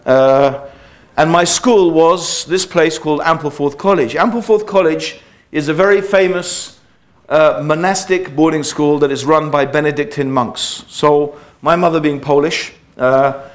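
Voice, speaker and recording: A man's voice: on the high side, unhurried. Man giving a chatty lecture. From England. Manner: conversational, full of fillers and asides. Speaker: Islamic lecturer. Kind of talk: informal religious lecture.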